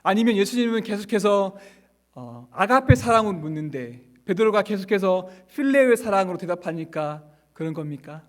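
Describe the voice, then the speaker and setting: A male pastor delivering a sermon, asking his listeners rhetorical questions and rising and falling for emphasis. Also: sits high. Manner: rhetorical questions, acts out quoted lines softly.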